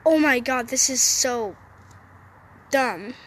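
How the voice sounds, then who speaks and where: Woman, high voice, slow easygoing delivery; playful gameplay vlogger talking to her audience outdoors. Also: slight background noise. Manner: chatty and playful, talking to viewers while playing. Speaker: mobile game vlogger. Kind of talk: casual gameplay commentary. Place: sitting on a roof outdoors. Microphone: phone.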